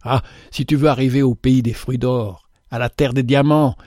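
A man reading aloud voices a gentle, pleading stranger who captains a ship and urges others to follow him. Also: medium pitch, fairly even intonation, moderate pace, no echo, studio quality, natural voice. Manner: pleading, urgent.

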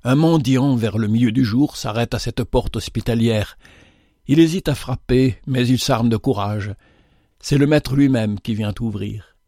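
A man reading a storybook aloud in calm, measured narration. His voice sits at a middle pitch, and the sound is close and dry, with no room around it. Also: no echo.

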